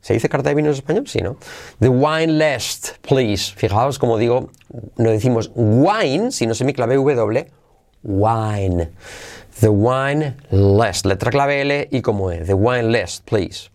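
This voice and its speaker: A man teaching English phrases to Spanish speakers, repeating them slowly and laughing at his own slips. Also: mid-range voice, darkish tone. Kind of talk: podcast lesson.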